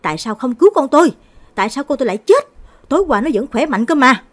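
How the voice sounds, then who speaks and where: A woman voicing a distraught middle-aged father who shouts and demands answers, in a storytelling audiobook. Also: sits high, sing-song, quick pace, pitched above the performer's own voice. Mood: frantic.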